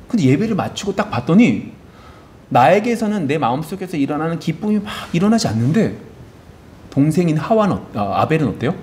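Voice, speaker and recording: In a church sanctuary, a pastor preaches a sermon in a slightly high voice at a fairly quick pace, with a little hiss or hum audible. He's animated, repeatedly asking the congregation rhetorical questions and answering them, and voices biblical characters when quoting them.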